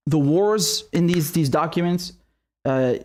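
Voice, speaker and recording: On a live political commentary stream, a young Syrian man rants with passion, swearing between quick asides. His voice sits fairly high and has a slightly mellow quality.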